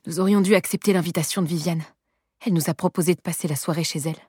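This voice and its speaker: A woman's voice: on the low side, fairly even intonation, fast, darkish tone, breathy edge, no echo, clean studio sound. A woman reading the lines of an alarmed young woman talking to herself in an audiobook. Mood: anxious. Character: young blonde woman, frightened and anxious.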